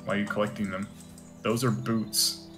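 A man's voice: on the low side, little pitch movement, normal speed, music in the background. A man joking around with friends over voice chat while gaming. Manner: playful, laughs a lot. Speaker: gamer playing with friends.

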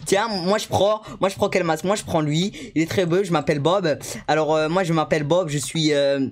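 A young man with a fairly high voice chatters through a live game roleplay. He is excitable and rambling, stacking fillers and repeating himself, over a faint hiss with keyboard clicks. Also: a little fast. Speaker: streamer narrating roleplay.

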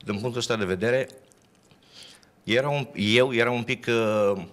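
Male musician guest, middle pitch, hesitant anecdotal storyteller. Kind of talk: casual interview chat. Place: TV studio.

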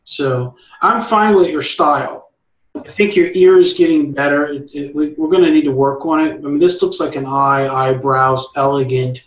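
A man's voice: on the high side, steady tone, normal speed, echoey room, highs cut off. A man leading an art meetup, giving encouraging critique and often restarting his sentences. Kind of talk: art critique, casual coaching.

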